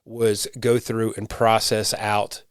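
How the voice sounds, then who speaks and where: A man's voice: fairly low pitch, monotone, slow, clear, resonant tone, no echo, clean studio sound. A man hosting a podcast and serving as a rural pastor, talking in a reflective, rambling way with frequent restarts. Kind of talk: casual conversation.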